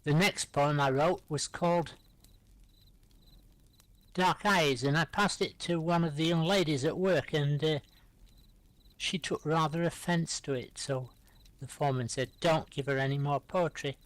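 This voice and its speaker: A middle-aged man with a somewhat high speaking voice hosts a live poetry reading. He recites his own rhyming verse aloud and calmly invites the next reader between poems. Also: unhurried, pauses often, dry recording.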